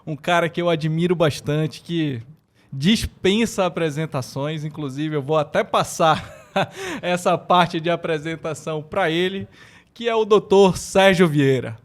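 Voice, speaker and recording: A Brazilian man hosts a casual podcast interview, introducing and questioning his guest in a friendly, enthusiastic way. His voice is a little high and a little slow.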